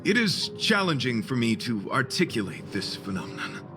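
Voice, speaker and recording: A man's voice: mid-range voice, very animated, normal speed, music in the background, lightly acted. Argenti, a man voicing a solemn noble knight. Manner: formal, solemn and flowery. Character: chivalrous young male knight devoted to beauty, earnest. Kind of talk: video game character dialogue.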